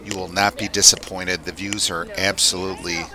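A man's voice: low-pitched, little pitch movement, moderate pace. A middle-aged man chatting enthusiastically as he shows viewers around on a travel vlog, recorded on a camera mic outdoors. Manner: enthusiastic, chatty tour guiding. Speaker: travel vlogger. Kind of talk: casual travel vlog narration. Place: outdoors by a canal and on a mountain train. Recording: outdoor crowd and vehicle noise. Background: crowd chatter, train and street noise.

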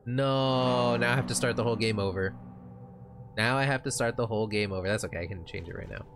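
A man's voice: fairly low pitch, fast talker, creaky, background noise. A man from Texas, live-streaming a horror game and joking with his chat. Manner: joking, talks to chat, sings snatches.

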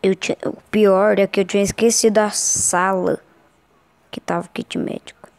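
A woman's voice: medium pitch, level tone, normal speed, gravelly, darkish tone, no room sound. Scared Brazilian woman playing a horror game. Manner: scared, anxious, repeating short phrases. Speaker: gaming streamer. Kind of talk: casual horror game play commentary.

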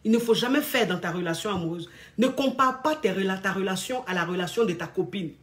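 A woman relationship coach giving blunt, scolding advice to couples in a casual, lively monologue. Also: medium pitch, quick pace.

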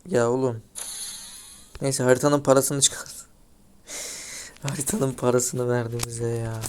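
A man giving casual gameplay commentary, chatting to viewers and grumbling as he plays. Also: medium pitch. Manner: chatty, grumbling, talks to viewers while playing. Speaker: gaming YouTuber. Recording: loud car game sound behind voice. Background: racing game engine and tire noise.

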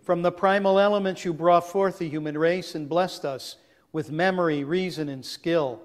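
A man, a priest leading a communion service, reciting the prayer in a slow, solemn, measured way, his voice carried by a long cathedral-like echo. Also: a little high, fairly even intonation. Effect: long cathedral-like echo around the voice. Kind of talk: chanted liturgical prayer. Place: large church. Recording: long echo in a large church.

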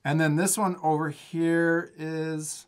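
Speaking slowly in a voice on the high side with little pitch movement, a man in his thirties leads a casual drawing lesson for kids. As instructor and host, he works at a table in an indoor studio, going step by step, encouraging them and often chuckling.

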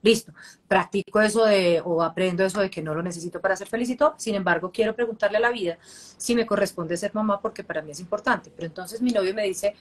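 Husky-voiced woman explaining with examples. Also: medium pitch, fast talker. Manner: lively, acts out quoted voices. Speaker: co-host, coach. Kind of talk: casual chat, teaching by example.

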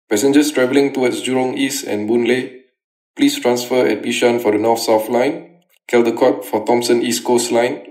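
A man making a formal, measured station announcement over a public address loudspeaker. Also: mid-range voice. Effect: played over a station loudspeaker. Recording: echoey public address sound.

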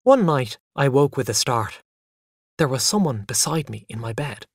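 Storybook narrator for learners, dry close sound, wide pitch swings. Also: sing-song, moderate pace, breathy edge, dry recording. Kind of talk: first-person story narration for English learners.

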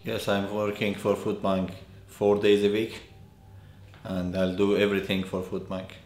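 A man's voice: fairly low pitch, flat delivery, unhurried, darkish tone, roomy sound. A middle-aged man from Iran, a food bank volunteer speaking in simple phrases in an interview in a church storeroom. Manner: simple non-native phrasing.

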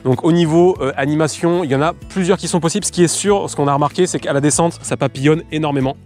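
A young man gives a casual fishing lure demo outdoors, talking in quick, loose explanations full of fillers. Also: fairly high pitch, darkish tone, faint music behind. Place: outdoors by the water.

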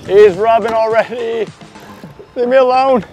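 A man's voice: very high-pitched, a little slow, darkish tone, soft background music. A man in his thirties, a fishing captain hosting a casual vlog, teasing and laughing outdoors on a boat and a dock. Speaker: fishing captain and channel host.

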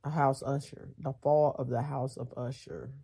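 An American woman in her thirties with a congested, nasal voice, chatting casually to camera in a tired, halting way while recovering from surgery. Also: rumbling low, flat delivery, dark tone. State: recovering from nose surgery with a headache. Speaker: vlogger. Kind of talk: casual vlog chat to camera. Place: bedroom, reclining in bed, indoors. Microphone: camera or phone at close range. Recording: clear background noise, home camera.

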